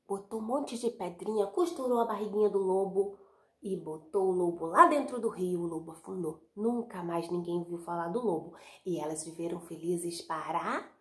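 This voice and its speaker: A woman preschool teacher with a Brazilian Portuguese accent telling a fairy tale to young children, expressive, asking them questions and dropping into dramatic whispers. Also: medium pitch. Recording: echoey room.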